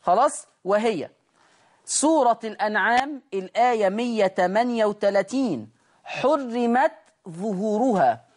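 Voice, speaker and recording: Egyptian guy teaching a tajweed class, stretches out the recited examples slow then explains fast, keeps checking the students get it. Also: high voice, expressive. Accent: Egyptian Arabic. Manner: addresses the class directly and checks they follow.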